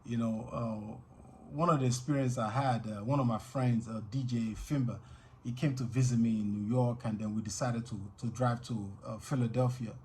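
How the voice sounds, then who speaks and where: A man's voice: mid-range voice, fairly even intonation, normal speed, darkish tone, a little hiss or hum. A middle-aged Nigerian man with a Nigerian accent, telling a personal story to camera in an earnest way, with frequent "you know" fillers. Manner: earnest, frequent "you know" fillers, grows intense when reliving danger. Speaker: vlogger.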